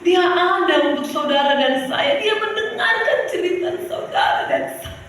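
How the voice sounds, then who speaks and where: A woman's voice: very high-pitched, lively intonation, moderate pace, fairly bright tone, slight background noise. A woman preacher giving a sermon, calling out to the congregation and sometimes breaking into song. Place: church hall. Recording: echoey hall, heard from far off.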